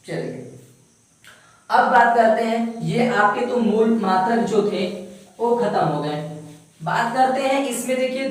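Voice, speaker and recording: A male teacher giving a science lesson, repeating key terms and asking himself questions before answering them. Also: very high-pitched. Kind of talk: classroom-style science lecture. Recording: very echoey room, mic far away.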